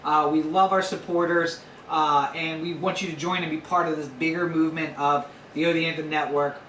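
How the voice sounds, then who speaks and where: A talkative man hosts a casual home podcast, his fairly high voice sounding roomy and a little distant. There is a faint hiss behind him. He teases and argues his points playfully. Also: little pitch movement, brisk, bright, forceful tone. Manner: chatty, playfully argumentative. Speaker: podcast host. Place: home room.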